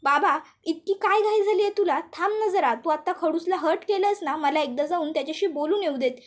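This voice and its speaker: A woman's voice: very high voice, brisk. A woman voicing a cheerful young wife who coaxes and reassures, read in a serial recap. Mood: pleading. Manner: coaxing, reassuring.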